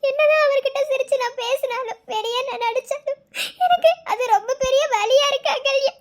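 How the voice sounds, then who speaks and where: A woman's voice: extremely high pitch, fairly even intonation, fast talker, fairly bright tone. A woman voicing a lovesick young woman who tearfully confides her heartbreak.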